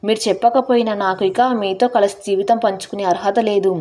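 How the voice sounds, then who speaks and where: A woman's voice: medium pitch, steady tone, brisk, warm tone, close to an everyday voice. Woman narrator doing young wife, pleading, tearful, wronged, grieving, storybook. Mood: sorrowful.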